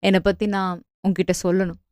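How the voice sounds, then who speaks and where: A woman voicing a young village man in a storybook romance, speaking low and softly with tender, secretive earnestness. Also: level tone, brisk, no echo, clean studio sound, lightly acted. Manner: low, soft, tender murmur.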